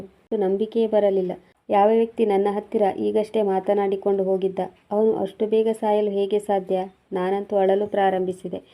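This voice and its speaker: A woman reads a first-person story in a steady, measured tone. Her pitch barely moves from line to line. The sound is thin and tinny, like a phone line. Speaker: narrator.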